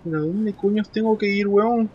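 A man's voice: high-pitched, moderate pace, mellow, dull audio, slight background noise. A man playing a horror game, commenting casually and swearing a lot, shrieking in panic when scared. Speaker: gamer. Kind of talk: horror let's play commentary.

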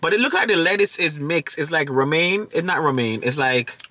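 A young man hosting a casual mukbang eating chat, sassy and expressive, full of slang. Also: fairly high pitch, normal speed, no room sound. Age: young adult. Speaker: mukbang vlog host. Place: inside a parked car.

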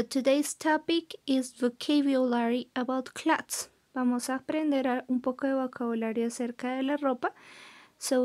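A young woman teaching an English vocabulary lesson, modelling each word's pronunciation slowly and clearly, switching between English and Spanish. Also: high voice, darkish tone. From Colombia. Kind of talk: recorded classroom lesson.

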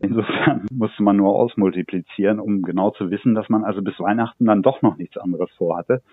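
Low-voiced man on a thin phone-like line. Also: fairly quick, no echo. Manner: talkative, recounts anecdotes with light laughs. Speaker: game developer guest. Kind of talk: interview answers, relaxed storytelling.

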